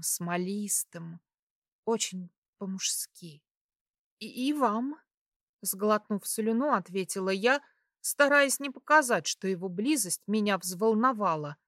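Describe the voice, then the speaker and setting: An audiobook narrator reads a first-person scripted story in an expressive, measured way. Her voice is mid-range, and the clean studio recording has no room sound.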